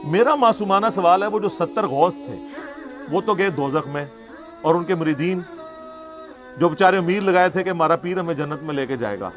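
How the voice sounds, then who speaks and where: Speaking at a normal pace in a somewhat high, animated voice, a Pakistani preacher delivers a casual religious talk, making his case with sarcasm and rhetorical questions while music plays.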